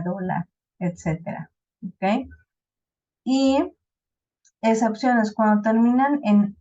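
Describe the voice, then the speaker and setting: A woman with a Mexican accent teaches a class, explaining step by step and pausing often to check that her students follow. Her voice sits at an ordinary middle pitch. The recording is dull and slightly lo-fi. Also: darkish tone. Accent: Mexican Spanish. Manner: explains slowly with many "¿no?" checks and restarts. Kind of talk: online class lecture.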